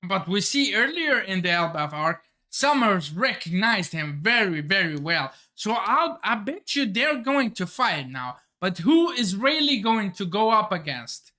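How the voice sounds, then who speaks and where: A man hosting a manga reaction, reading along excitedly and thinking aloud with frequent exclamations and restarts. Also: high voice, measured pace, hardly any pauses.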